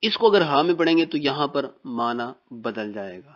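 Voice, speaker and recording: A man from Pakistan teaching Quran reading in a recorded lesson, patiently explaining and drilling letter sounds slowly. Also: mid-range voice, big pitch swings. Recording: dull, muffled recording.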